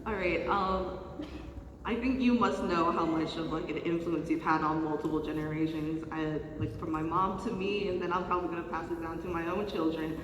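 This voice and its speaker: A man's voice: fairly high pitch, fairly even intonation, normal speed, noisy background. A young man in the audience asking a question, hesitant and full of fillers. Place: large convention hall. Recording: echoey hall from far off.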